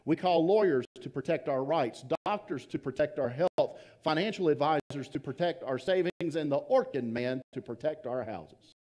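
Pastor guy preaching, mellow dark voice, gets quiet on the big words, storyteller vibe. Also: fairly high pitch, expressive, moderate pace, hardly any pauses. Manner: storytelling, trailing off softly for emphasis. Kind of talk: sermon.

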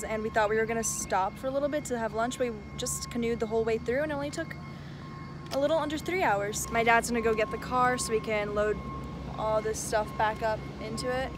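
A young woman chatting casually in a travel vlog, talking into a phone held at arm's length outdoors. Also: on the high side. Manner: chatty, relaxed, with fillers and likes. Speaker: vlogger. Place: outdoors at a lakeside forest campsite.

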